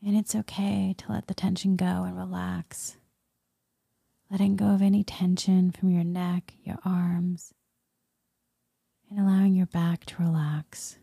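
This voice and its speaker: A woman leading a guided meditation in a soft, soothing spa-like murmur that often slips into a whisper. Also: fairly low pitch, flat delivery, unhurried, gravelly, pauses often, breathy edge, dry recording, studio quality. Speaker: guided meditation leader, Reiki healer.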